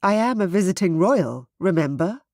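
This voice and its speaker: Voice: medium pitch, big pitch swings, moderate pace, a little mellow, no room sound, studio quality, voice pushed up. A synthetic-sounding narrator voicing a playful, coaxing young princess in a slightly raised voice. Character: young woman, a bold visiting princess.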